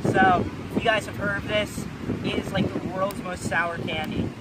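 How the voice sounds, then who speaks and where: A man's voice: high voice, fairly even intonation, moderate pace. A teenage male host eating sour candy as he talks casually to the camera outdoors on a beach, picked up by a camera a few feet away. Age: teens. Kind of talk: casual challenge vlog to camera. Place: sandy beach dunes, outdoors. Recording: windy outdoor camera mic, loud background noise. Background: loud wind and ambience.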